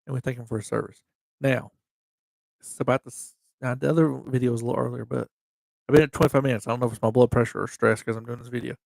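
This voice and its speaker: A man hosting a casual livestream, reading memorial entries in a halting way with slightly slurred speech, often restarting words and reading dates slowly. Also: mid-range voice, fairly even intonation, vocal fry, a little mellow, no room sound. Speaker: livestream host.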